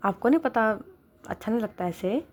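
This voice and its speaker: A woman's voice: a little high, expressive, moderate pace, a little mellow. A woman voicing a playful young woman who teases her partner lightly. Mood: teasing. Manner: light, teasing.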